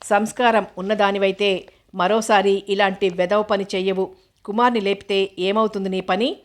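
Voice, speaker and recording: A stern young man delivers flat, cold threats in a steady voice, as a woman narrator reads his lines. The tone stays hard and level in this audiobook novel. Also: medium pitch, moderate pace, natural voice.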